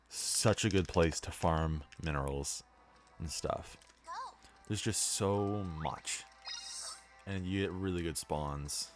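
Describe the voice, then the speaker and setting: Chill young guy with a really low voice, rambly gameplay chat, lots of ums and likes. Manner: rambling, laid-back, many fillers. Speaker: let's play host. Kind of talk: casual gameplay commentary.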